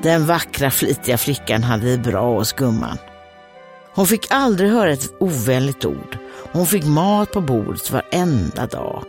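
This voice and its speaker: A woman's voice: extremely low pitch, sing-song, darkish tone, faint music behind. A woman with a Swedish accent reading a fairy tale aloud as a comedian, breaking off for joking asides. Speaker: comedian and host.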